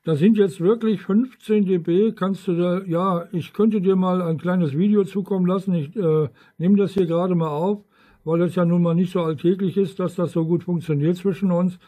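A ham radio operator speaks in a high-pitched, dark voice, steady in tone and moderate in pace. His casual chat rambles, and he keeps tagging questions onto his sentences.

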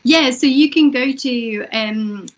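A woman's voice: high-pitched, takes it slowly, slight background noise. A woman festival director answering interview questions over a video call from a room at home, hesitant with many fillers and restarts. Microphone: wired earphone mic on video call. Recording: muffled video call audio.

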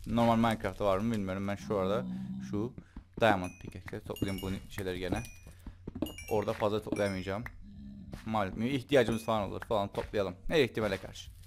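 Man, gameplay commentator, casual and jokey, loud outbursts, noisy home recording. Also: lowish voice, fairly quick. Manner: chatty, jokey, bursts into excited yelling. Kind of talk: let's play commentary.

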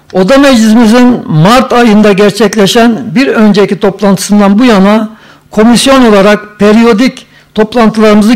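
A man speaking at a podium microphone in a council meeting hall, reading a commission report with ceremonious greetings and teasing asides. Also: sits high. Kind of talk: formal council speech with joking asides. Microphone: podium microphone at a lectern.

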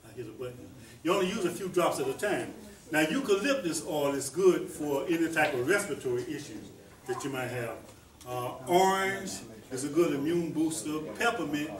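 A man's voice: on the high side, lively intonation, moderate pace. A man giving an informal talk on herbs to a small audience, folksy and repetitive, often asking the listeners questions. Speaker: presenter teaching about herbs. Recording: echoey room, voice heard from a distance.

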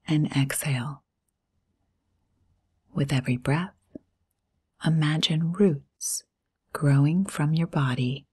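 Leading a guided meditation, a woman speaks in a low, slightly mellow, breathy near-whisper. She goes very slowly and soothingly, leaving generous gaps between short phrases.

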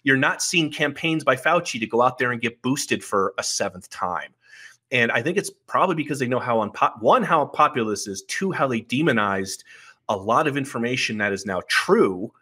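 A man's voice: medium pitch, expressive, normal speed, pushed and bright, slightly rough. A man speaking as a podcast guest, laying out his arguments point by point in a sardonic, argumentative manner. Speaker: podcast guest, political commentator. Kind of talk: casual podcast conversation.

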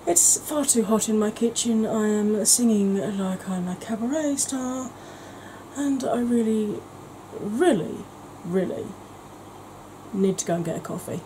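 Speaking a little high and unhurried, this makeup vlogger rambles through a casual home video recorded in her kitchen. She wanders off topic, mocks herself, and grows soft-spoken at times, all over a noisy background.

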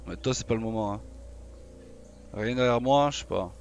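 A man giving live gameplay commentary on a survival game, excitable and taunting his opponents in casual slang. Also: lowish voice, moderate pace, a little hiss or hum. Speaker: gamer playing a dinosaur survival game.

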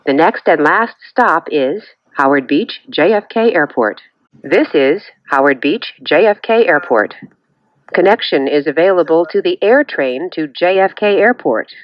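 A woman reading recorded train announcements over a train loudspeaker, measured and clearly enunciated. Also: sits low, animated. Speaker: transit announcer. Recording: dull lo-fi loudspeaker sound.

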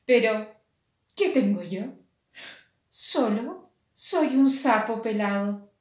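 A woman's voice: on the high side, lively intonation, slow. A woman voicing a cold, complaining male toad in a storybook reading, with a plaintive manner. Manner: plaintive, grumbling. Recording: roomy echo.

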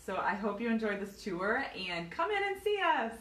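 With a slightly high, sing-song, fairly bright voice at a moderate pace, a cheerful, talkative physical therapy clinic owner leads a casual live tour while walking. She passes through the hallways and treatment rooms of her small indoor clinic. The phone camera, held by another person a few feet off, captures roomy, faraway audio with a faint hum.

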